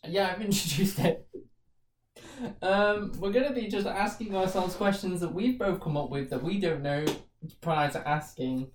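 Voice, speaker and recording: Giggly podcast host in an echoey room. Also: male voice, high-pitched, normal speed. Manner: jokey, laughs often, swears. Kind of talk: casual chat. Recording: roomy, distant mic with faint noise.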